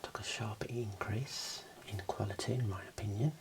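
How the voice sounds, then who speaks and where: A man speaking in a soft, breathy whisper, giving an unhurried ASMR tour of his book collection. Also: on the low side, noisy background. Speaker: host showing own book collection.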